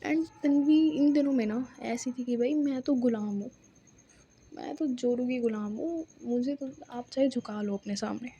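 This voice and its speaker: A woman's voice: fairly high pitch, normal speed, dark tone, husky. A woman telling a romance story in a chatty, casual way, full of informal fillers. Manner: chatty, filler-heavy, addresses listeners informally.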